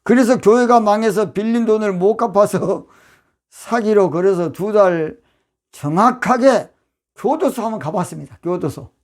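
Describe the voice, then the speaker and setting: Fiery older Jeolla-accented pastor preaching. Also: male voice, normal speed. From Yeosu, Jeolla province, South Korea. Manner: fiery and emphatic, with sudden loud high outbursts. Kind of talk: sermon.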